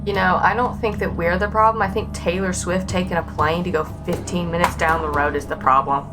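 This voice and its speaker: Game music plays behind a woman livestreaming a game as she rambles casually, griping in an animated, sarcastic, sweary way. Her voice is fairly low and she talks fairly quickly.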